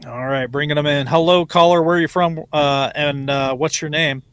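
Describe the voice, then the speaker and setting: A man hosts a call-in show with a slightly higher voice, dry and close to the mic. He moves briskly from caller to caller. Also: steady tone, a bit bright, clear, resonant tone, no room sound. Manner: brisk, takes calls. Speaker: host. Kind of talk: call-in radio show hosting.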